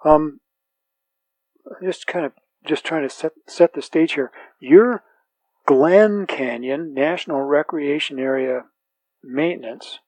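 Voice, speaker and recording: Husky higher-voiced man interviewing. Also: slow, pauses often, a little mellow, no echo, poor audio. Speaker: oral history interviewer. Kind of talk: interview with informal questions.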